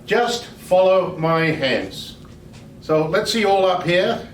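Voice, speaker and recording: Man, humorous club speech, joking, talks to the crowd, high voice, faint background noise. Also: lively intonation, slow. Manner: joking, engages the audience directly. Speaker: guest speaker at a speaking club. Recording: echoey room, voice far from mic.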